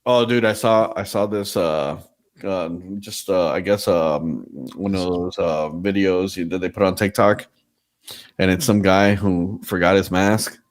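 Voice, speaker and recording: A man's voice: low voice, unhurried. A man hosting a casual podcast, swearing freely and acting out the voices in his stories. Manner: profane, animated storyteller acting out quoted voices. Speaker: podcast host.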